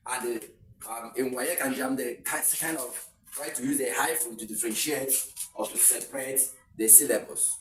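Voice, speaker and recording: A man's voice: medium pitch, moderate pace, fairly bright tone. A man teaching an exam-prep lesson, explaining step by step and repeating key words. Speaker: English teacher. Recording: echoey room, mic far off, faint noise.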